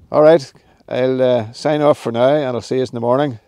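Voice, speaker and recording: On a windy mountaintop, a chatty outdoor vlogger in his fifties talks to a phone camera held at arm's length, laughing often and poking fun at himself. His medium-pitched voice is mellow, and the recording is dry. It's a casual vlog to camera.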